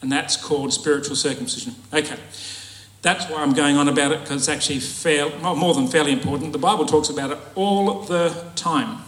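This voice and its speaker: A man's voice: fairly high pitch, a little fast, fairly bright tone, roomy sound, poor audio. A man preaching a sermon in a conversational, jokey way and laughing at his own asides.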